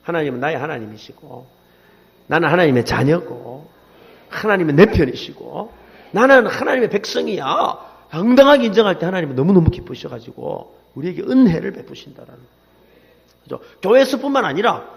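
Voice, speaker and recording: A man's voice: sits high, lively intonation, brisk, creaky. A man in his forties with a Gyeongsang accent preaching a sermon, telling stories with animation and calling on the congregation to repeat after him. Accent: Gyeongsang Korean. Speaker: pastor. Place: church sanctuary. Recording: long reverb in a church hall.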